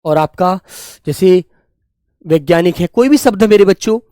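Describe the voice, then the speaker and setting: A young man leads a live online Hindi spelling class. His voice sits high and light and sounds dry and close to the mic. He speaks to his students fondly, calling them his children, and drills each word with slow repetition. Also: dark tone, no echo. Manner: affectionate, calls students "beta" and "my children"; repeats and drills words slowly. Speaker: Hindi teacher.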